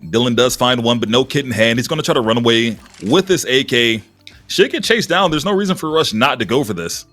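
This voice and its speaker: A man doing live esports commentary as a caster, lively and husky, with casual asides. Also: medium pitch, fairly quick. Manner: animated esports caster delivery. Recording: music behind the voice. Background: music.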